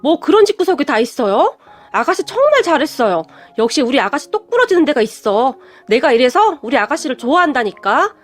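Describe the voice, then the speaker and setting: A doting, affectionate young sister-in-law, read by a woman narrator in a bright, high voice over soft background music. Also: big pitch swings, a little fast. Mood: supportive.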